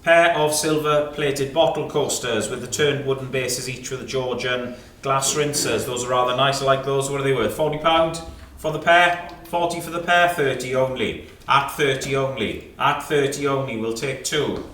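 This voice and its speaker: Male British fine art auctioneer, clipped bid-calling patter, mid-pitched, recorded at a distance in an echoey sale room. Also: steady tone, normal speed, few pauses, a bit bright, a little hiss or hum. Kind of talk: live auction calling, reeling off rising bids.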